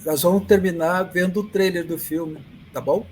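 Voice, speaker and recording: A man's voice: sits high, fairly even intonation, normal speed, darkish tone. A Brazilian-accented man hosting an interview in a casual, conversational way. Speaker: interview host. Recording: faint background noise.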